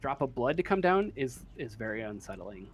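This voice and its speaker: A man improvises narration as a tabletop game master, pausing and halting as he hunts for words. His mid-range voice has a sing-song quality, and faint room noise can be heard.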